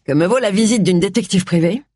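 Reader voicing a curt fifty-something Scottish pastor, husky, cold, clipped. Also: medium pitch, quick pace, a little mellow, no echo, clean studio sound, close to an everyday voice. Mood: polite.

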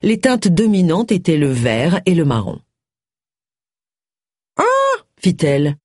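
An expressive audiobook narrator with a lively, wide-ranging delivery and a slightly husky tone. The sound is dry and close. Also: medium pitch, normal speed, no room sound. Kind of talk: scripted narration.

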